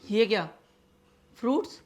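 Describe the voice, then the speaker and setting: A man's voice: high voice, lively intonation, a little slow. A man acting as a young office-going husband who keeps protesting his wife's cost cutting in a scripted family skit. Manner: protesting, exasperated.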